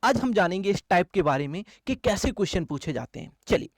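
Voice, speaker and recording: A man coaching students for exams gives a classroom maths lecture, explaining step by step, repeating key phrases, and answering his own questions. His high, animated voice moves fairly quickly with vocal fry, recorded dry and clean in a studio.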